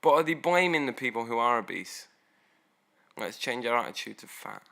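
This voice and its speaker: A man's voice: mid-range voice, animated, normal speed, vocal fry, bright, forceful tone. A man co-hosting a podcast in casual chat, joking, laughing often and swearing. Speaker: podcast co-host.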